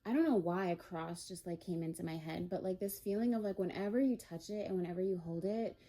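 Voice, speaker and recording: A woman's voice: lowish voice, brisk, dark tone. A young woman giving a spiritual tarot-style reading, rambling and emotional, with many fillers. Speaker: tarot reader.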